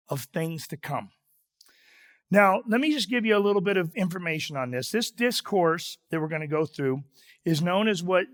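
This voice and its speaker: High-voiced conversational pastor preaching. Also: male voice, a bit bright. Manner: conversational, self-deprecating, with restarts and asides. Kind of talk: sermon.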